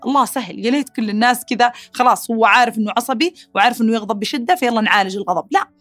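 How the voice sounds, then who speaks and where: A woman's voice: a little high, dry recording, soft background music. A woman hosting a podcast and explaining psychology in a casual way, acting out the quotes she gives. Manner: fast, animated, acts out angry quotes.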